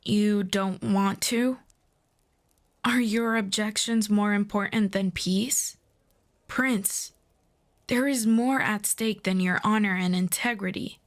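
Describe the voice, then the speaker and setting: Surprised and insistent, a woman's demon princess character makes her case in formal, deliberate speech during a fantasy audio roleplay. The princess is proud and earnest, and the woman uses a natural, medium-pitched voice with fairly even intonation.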